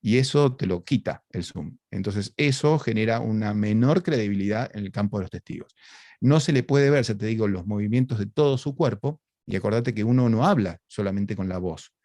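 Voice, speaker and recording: A man's voice: on the low side, normal speed, mellow, no echo, clean studio sound. A man with an Argentine Spanish accent giving a conversational academic talk over a video call, explaining points and asking rhetorical questions. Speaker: lecturer.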